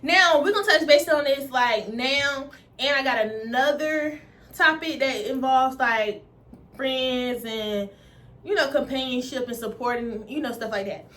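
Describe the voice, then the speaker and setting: High-voiced stuffy young woman vlogging. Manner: fast, slangy, animated talk. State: stuffy nose. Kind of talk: casual chat to camera.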